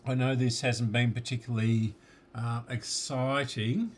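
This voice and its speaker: A slight hiss or hum lies beneath this medium-pitched, steady voice. It belongs to an Australian electronics repair hobbyist who casually talks through fixing a radio at his workbench, muttering slowly to himself and sometimes talking with his mouth full.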